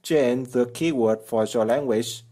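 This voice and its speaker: Warm in tone and mid-range in pitch, a man narrates his coding tutorial at a measured pace over a screen recording. His delivery is plain and step by step, with simple non-native phrasing.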